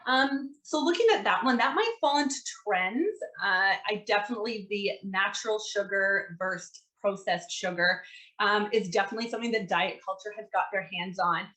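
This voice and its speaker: A woman's voice: medium pitch, moderate pace, bright, forceful tone, rough recording. Chatty woman dietitian presenting online. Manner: conversational, filler-heavy, dry sarcasm.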